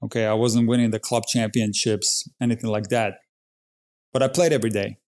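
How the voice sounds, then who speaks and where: A man's voice: fairly low pitch, steady tone, a little fast, darkish tone. A man in his forties from Croatia, a tennis coach telling his story in a podcast interview in an earnest, plain-spoken way. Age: 40s.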